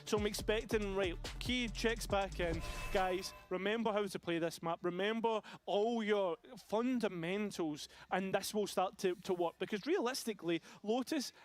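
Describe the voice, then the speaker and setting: Brief: male colour caster, high voice, explains then emphasizes the big plays. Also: normal speed, few pauses, soft background music. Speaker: esports caster. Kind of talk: colour commentary for esports.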